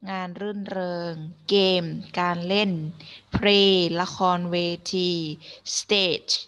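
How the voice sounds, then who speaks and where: A woman's voice: medium pitch, a bit bright. A woman teacher giving an online English lesson to primary pupils, explaining patiently and mixing with English words.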